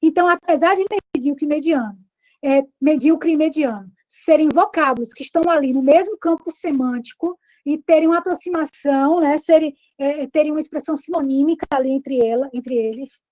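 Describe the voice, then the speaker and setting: A woman's voice: high voice, brisk, darkish tone, dull audio. A woman with a Brazilian Portuguese accent teaching an online exam-prep lecture, explaining step by step and checking in with tag questions.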